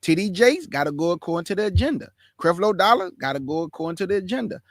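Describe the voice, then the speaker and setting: A man's voice: high voice, expressive, quick pace. A man delivers heated commentary in a slightly raised voice, hammering each point over and over. He speaks straight to his listeners and calls them family. The sound is close and dry, with no room echo. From Houston, Texas, USA. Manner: emphatic, repetitive, addresses listeners as family. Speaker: commentator reacting to a sermon clip. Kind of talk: impassioned reaction commentary.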